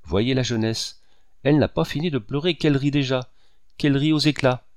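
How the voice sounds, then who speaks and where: A man reading the lines of a melancholy, aging male artist who speaks gently and hesitantly, with soft sighs. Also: medium pitch, moderate pace, dry recording, studio quality, pitched above the performer's own voice, natural voice. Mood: tender.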